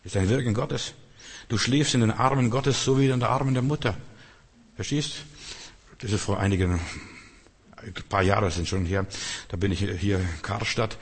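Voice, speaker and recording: Male preacher, low husky voice, earnest sermon, long hall reverb. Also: steady tone, normal speed, pauses often. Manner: earnest, acts out quotes, drops to soft tones.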